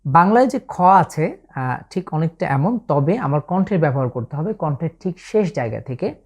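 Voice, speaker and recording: A woman with a Bangladeshi Bengali accent teaching Arabic letter pronunciation for the Quran, slow and patient, drawing out each letter as she demonstrates it. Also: low-pitched, sing-song, darkish tone, breathy edge.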